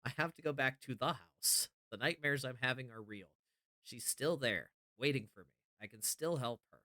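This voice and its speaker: A man reading a horror game note aloud as a troubled priest, in a solemn, measured way. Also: mid-range voice, pushed and bright, no echo, close to an everyday voice. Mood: grave farewell. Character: troubled male priest reading out his farewell letter. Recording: music behind the voice.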